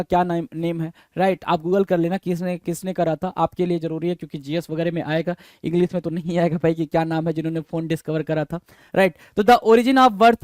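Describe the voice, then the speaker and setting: Male exam-prep vocabulary teacher, high-pitched, casual, repeats and spells terms, dry close recording. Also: darkish tone, smooth, dry recording. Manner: repeats words and spells them out letter by letter; quizzes listeners with rhetorical questions.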